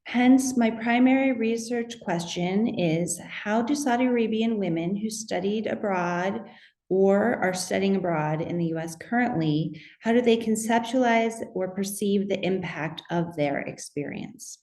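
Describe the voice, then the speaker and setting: A middle-aged woman giving a conference presentation on her research, methodical and measured, with occasional fillers and restarts. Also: mid-range voice, darkish tone. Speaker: academic researcher presenting at a symposium. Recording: roomy echo.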